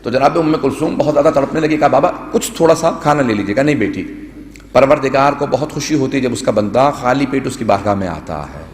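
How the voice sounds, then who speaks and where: Male cleric, mournful sermon storyteller, mid-pitched, lots of hall echo. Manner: emotive storytelling, voicing the figures in the story. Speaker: cleric reciting a majlis. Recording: echoey hall reverb.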